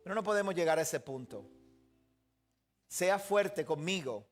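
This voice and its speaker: A pastor giving a sermon in an earnest way, often putting questions straight to the listeners. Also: male voice, fairly high pitch, animated, unhurried, faint music behind.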